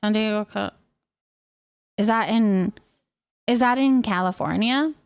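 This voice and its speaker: This streamer has a mid-range voice with vocal fry and a clean tone, and she takes her time. Chatty and giggly, she rambles casually while reading viewer comments and responding to them.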